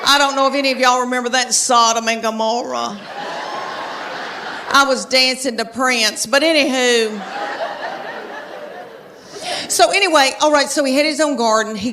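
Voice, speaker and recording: A woman's voice: sits high, a little slow, pauses often, noisy background. A woman in her fifties with a Southern American accent, doing a chatty stand-up comedy routine and talking straight to the crowd. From Southern United States. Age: 50s. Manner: chatty, drawling, addresses the crowd directly. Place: comedy stage before a live audience.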